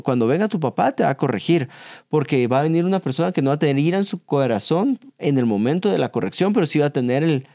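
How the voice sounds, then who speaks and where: A man co-hosting a faith-based parenting talk, giving advice in an animated, playful way. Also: medium pitch, no room sound, studio quality. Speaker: podcast co-host.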